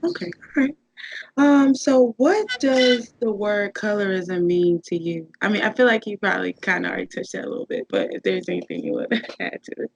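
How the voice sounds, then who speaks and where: A woman's voice: mid-range voice, fairly quick, creaky, rough recording. A woman hosting a podcast, asking questions hesitantly with many ums. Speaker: podcast host. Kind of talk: interview questions.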